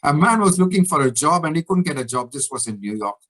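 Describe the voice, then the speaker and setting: High-voiced, emphatic male coach speaker. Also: fast. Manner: animated, emphatic storyteller. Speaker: coach educator. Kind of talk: motivational talk with an illustrative story.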